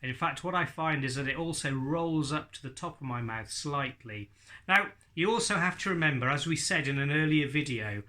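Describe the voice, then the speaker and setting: A man's voice: a little high, sharp tone. A middle-aged man giving an informal, chatty ventriloquism lesson with jokey asides. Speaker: ventriloquism teacher. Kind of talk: informal instructional video talk.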